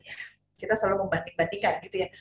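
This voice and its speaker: A woman's voice: medium pitch, fairly even intonation, very fast, slight background noise. A middle-aged woman speaking on a panel as a parent, telling stories animatedly with many fillers. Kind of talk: casual panel discussion. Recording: echoey room, faint ambience.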